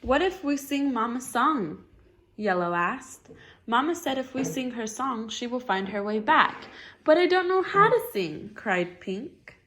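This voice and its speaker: In a sing-song, slightly high and somewhat bright voice, a woman reads a picture book to a child at a measured pace. She keeps it interactive and encouraging, repeating the child's answers back as questions.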